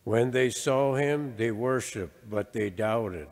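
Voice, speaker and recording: A man reading the gospel aloud at mass in a solemn, measured way, heard with cathedral echo. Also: medium pitch, darkish tone. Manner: measured, deliberate phrasing. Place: large church. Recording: cathedral echo with long reverb.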